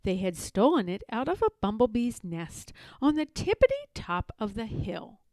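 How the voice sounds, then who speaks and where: Woman, children's story narration, expressive, highish voice, dry recording. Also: normal speed, no echo. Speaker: storybook reader.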